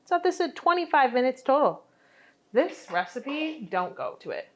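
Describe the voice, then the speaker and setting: A woman's voice: high-pitched, big pitch swings, normal speed, slight background noise. A young woman vlogging in her home kitchen, chatty and self-mocking as she bakes and talks. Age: young adult. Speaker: lifestyle vlogger. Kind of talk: casual chat while baking.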